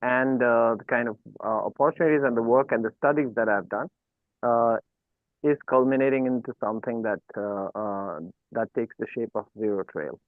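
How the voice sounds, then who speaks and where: A man from Ladakh in India answering interview questions, halting with many fillers. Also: mid-range voice, no room sound. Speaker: guest founder. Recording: dry tinny phone-like line.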